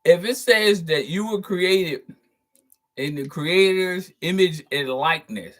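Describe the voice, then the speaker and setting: A high-pitched man speaks slowly while hosting his channel, delivering a profane, preachy spiritual monologue. He emphatically stresses and stretches words and chuckles between points.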